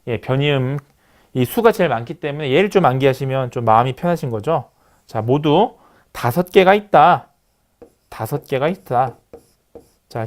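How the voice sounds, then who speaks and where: Man lecturing with a lively, high voice. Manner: explains step by step, many "자" and "네" fillers; writes on screen while talking. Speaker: university lecturer. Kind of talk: recorded online lecture.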